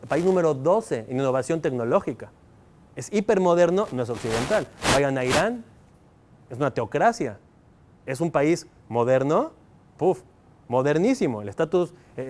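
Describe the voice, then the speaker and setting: A male university professor with a Mexican Spanish accent lectures his students engagingly, firing rhetorical questions at them. His voice is a little high, with slight background noise.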